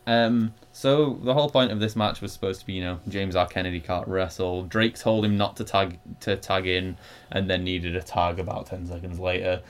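A man's voice: low-pitched, fairly even intonation, normal speed, smooth. A man co-hosting a wrestling podcast, chatting casually, laughing often and swearing freely. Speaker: podcast co-host reviewing wrestling. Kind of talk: casual chat.

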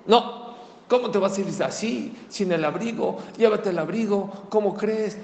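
A man's voice: high voice, a little slow, a little mellow, reverberant, big-room sound, pitched above the performer's own voice. A man voicing a worried wife who pleads insistently with the rabbi, in a sermon story. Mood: pleading.

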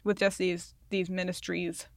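Woman podcast co-host, chatty, laughing, quick asides, close dry sound. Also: lowish voice, level tone, creaky, no room sound. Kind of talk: casual podcast chat.

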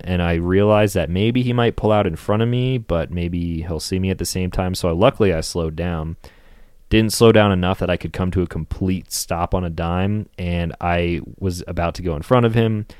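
A man's voice: deep voice, a little mellow, smooth, no room sound, studio quality. A young man hosting a podcast, telling a story in casual chat, laid-back and swearing, laughing now and then. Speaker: podcast host.

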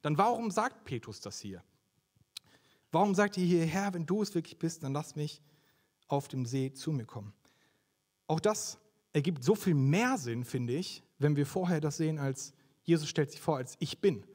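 A young man with a fairly high voice delivers a sermon in a relaxed, conversational way. He keeps turning to the audience with quick questions and keeps the tone lively. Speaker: preacher.

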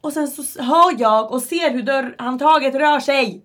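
A woman's voice: sits high, a bit bright. A young woman, telling a story in casual chat and acting out her own panic.

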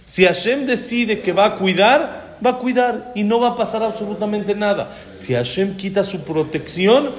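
A rabbi teaching a class gives a religious lecture in a voice that sits high. He explains verses slowly, translates them, and adds touches of humor.

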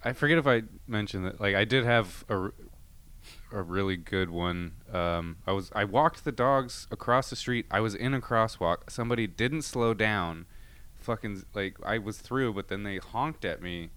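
A man's voice: fairly low pitch, moderate pace, a bit bright, clear, resonant tone. A man chatting casually as a podcast co-host, swearing often and acting out his own angry outbursts. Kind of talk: casual chat.

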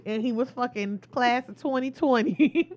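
A woman's voice: on the high side, normal speed, a little mellow, highs cut off. A woman co-hosting a casual chat, speaking in in a blunt, playful way with frequent laughter. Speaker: podcast co-host.

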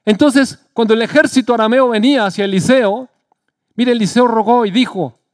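A man preaching a sermon, retelling a story and acting out the quotes with a lively delivery. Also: very high-pitched, moderate pace, dry recording, clean studio sound. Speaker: pastor.

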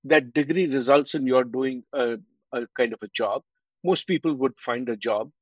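A man with an Indian English accent, a guest author giving measured explanations in an interview. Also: mid-range voice, no room sound, lo-fi sound. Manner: measured, explanatory, with frequent fillers.

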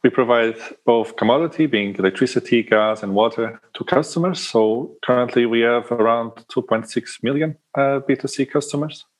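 A man who is a podcast guest, giving a quick, matter-of-fact introduction of his company. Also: mid-range voice, low-quality recording. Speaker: podcast guest, utility product manager.

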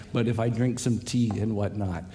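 A pastor with a fairly low, dark voice preaches a sermon in a church sanctuary while losing his voice, telling stories in a chatty, self-deprecating way. There's a slight hiss or hum on the recording.

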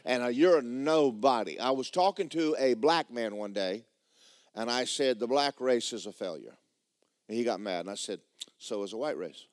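Lively-voiced preaching pastor, dry close sound. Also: male voice, dry recording. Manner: emphatic preaching with swooping pitch and sudden shouts; slow, drawn-out phrasing, dropping low and quiet at line ends. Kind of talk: sermon. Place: church.

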